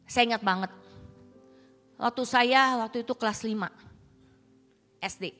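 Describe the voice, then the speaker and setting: A woman's voice: on the high side, unhurried, sharp tone. A woman pastor, preaching a sermon in a colloquial, dramatic storytelling manner. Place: church hall. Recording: reverberant church hall with faint music.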